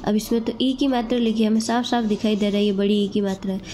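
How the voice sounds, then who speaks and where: A woman's voice: mid-range voice, little pitch movement, quick pace, mellow, slight background noise. A woman teaching a grammar lesson to students. She explains step by step and keeps checking in with them.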